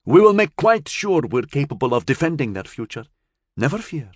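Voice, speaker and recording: A male narrator voicing a calm, formal and dryly ironic living starship. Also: a little high, brisk, no room sound, studio quality, pitched above the performer's own voice. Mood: cool.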